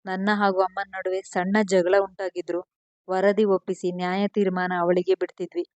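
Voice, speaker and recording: A woman storyteller giving scripted narration of a serialized love story in a steady, even delivery. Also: mid-range voice, normal speed, dry recording, muffled recording.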